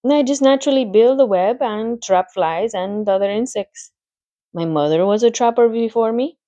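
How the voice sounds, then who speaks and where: Speaking close to her everyday voice, a woman reads from a storybook in lo-fi sound, a little high in pitch with a dark tone and normal speed. She takes on a pleasant, thin, put-on accent for a clever, matter-of-fact female spider who lectures, clearly enjoying it.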